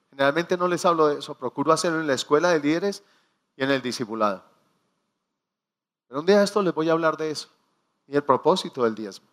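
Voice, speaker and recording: A man's voice: a little high, fairly bright tone. Emphatic preacher man. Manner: storytelling with acted asides and quoted prayers; emphatic, slowing on key phrases. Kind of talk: sermon.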